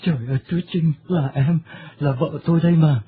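A grieving husband speaks in choked, emotional bursts in a radio drama, played by a male actor. His voice is low. It comes over a tinny medium-wave broadcast. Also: normal speed, natural voice. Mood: anguished. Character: grieving husband, emotional middle-aged man.

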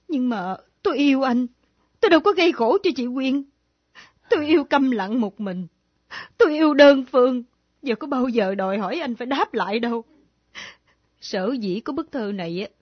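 A woman's voice: a little high, husky, no room sound. An actress playing a grieving widow in her thirties who confesses a secret love with earnest pleading, in a radio drama. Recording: dull lo-fi old radio recording.

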